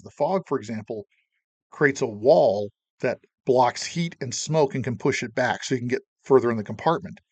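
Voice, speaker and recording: A man's voice: mid-range voice, dry recording. A man hosting a show and narrating his own memories in a plain-spoken, wry way, mixing history and personal story. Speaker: podcast host and narrator.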